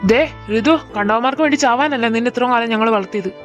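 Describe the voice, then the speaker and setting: A protective older brother with a Malayali accent, played by a woman, barks warnings at his little sister in a fan audio drama. He talks fast in a somewhat high, gruff voice, while faint music plays behind. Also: close to an everyday voice. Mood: scolding. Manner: gruff scolding, threatening, mock teasing. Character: protective, short-tempered young adult older brother.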